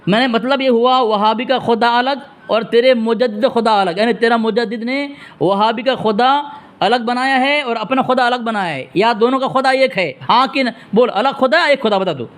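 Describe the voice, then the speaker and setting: A man with a strikingly high voice hosts a heated phone debate. He hammers at his opponent with the same demands over and over, in a scolding tone. Between rounds he turns to address his listeners directly. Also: fairly bright tone. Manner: insistent, scolding, repeats demands; turns aside to address the audience. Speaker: debate host on a phone call.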